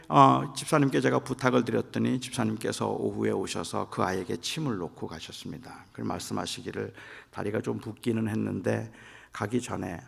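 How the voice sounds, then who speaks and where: Gravelly middle-aged male pastor, reverberant church. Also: fairly low pitch. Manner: storytelling, rising to shouted emotion when quoting himself. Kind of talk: revival sermon with personal story. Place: large church sanctuary. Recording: long hall reverb.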